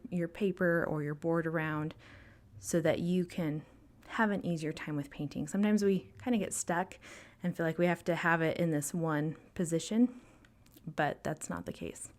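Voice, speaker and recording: A young woman narrating a painting tutorial voice-over, breathy and out of breath, explaining calmly with frequent ums. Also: fairly low pitch, moderate pace. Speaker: art instructor.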